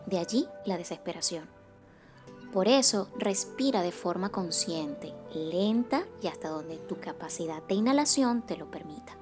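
Over music, a woman with a fairly low voice reads a scripted monologue for her wellness podcast, speaking calmly, softly and at a measured pace as a psychocorporal facilitator.

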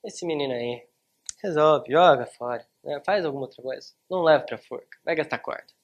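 A teacher voicing a blunt, dismissive old nobleman father in a story retold during a lesson, with a husky voice. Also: mid-range voice, brisk, lo-fi sound, natural voice.

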